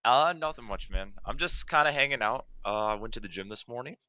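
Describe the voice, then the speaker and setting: A man's voice: medium pitch, expressive, a little fast, sharp tone, no echo. A man in his late twenties, a podcast guest, chatting casually in slang and laughing often as he talks. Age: late 20s.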